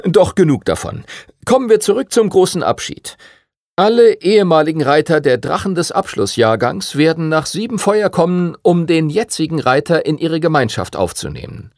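A patient older master teacher of dragon riders from an audiobook, voiced by a man. He lectures in a calm, measured way, his voice lifted above the narration, lively and slightly gravelly, in a dry recording. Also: fairly high pitch, dry recording, voice pushed up. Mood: calm lecturing.

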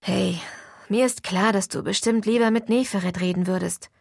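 A woman reading an audiobook voices a caring teenage vampire boy, speaking softly and low in a reassuring way. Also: fairly even intonation, moderate pace, creaky, dry recording, clean studio sound. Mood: tender.

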